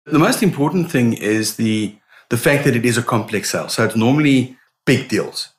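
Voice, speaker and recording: A middle-aged man, a sales consultant, answering interview questions in an animated storytelling manner with frequent restarts. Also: medium pitch, normal speed. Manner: animated storyteller, repeats words when starting.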